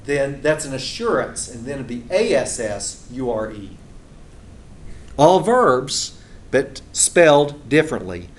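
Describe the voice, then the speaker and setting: A man's voice: medium pitch, very animated, takes it slowly. A male instructor giving a classroom lecture in a conversational way, with frequent filler sounds, recorded in a classroom.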